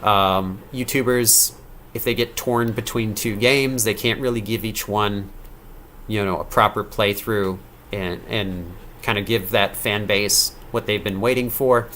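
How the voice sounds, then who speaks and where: A tired man in his thirties hosts a late-night live-stream Q&A about his game. His voice sits fairly low, and he rambles and restarts his sentences. A faint hiss runs underneath. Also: steady tone, a little slow, a bit bright. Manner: rambling, self-correcting, reads donor questions aloud. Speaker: game developer answering live chat questions.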